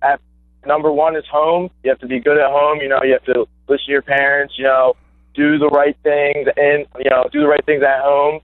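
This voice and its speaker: Here a young adult guest who once played high school basketball chats eagerly over the phone, full of fillers and false starts. His voice sits on the high side, barely moves in pitch, and runs a little fast. It's a tinny phone call with no room sound, in a casual interview.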